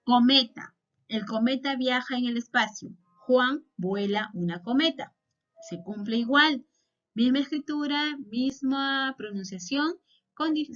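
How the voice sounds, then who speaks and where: A woman's voice: on the high side, a bit bright. A woman teacher with a Peruvian accent, giving a patient classroom lesson and often checking in with short questions. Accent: Peruvian Spanish. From Peru. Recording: dull lo-fi sound.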